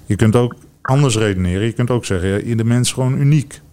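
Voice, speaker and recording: A man's voice: medium pitch, fast talker, dark tone, clear, resonant tone. A man on a talk show panel, reasoning thoughtfully.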